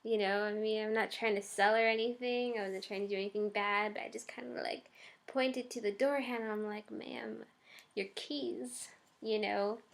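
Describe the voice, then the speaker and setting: Creaky young woman rambling in a vlog. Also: medium pitch, steady tone, brisk. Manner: hesitant, full of ums and likes. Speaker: vlogger.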